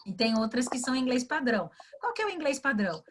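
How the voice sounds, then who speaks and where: A fairly high-voiced woman from Brazil speaks as a mentor in an online webinar. She talks in a lively way, acts out little dialogues and keeps checking in with her listeners. The sound comes through a video call. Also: fast, slight background noise. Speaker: guest, career and English mentor. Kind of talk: explaining in a webinar chat.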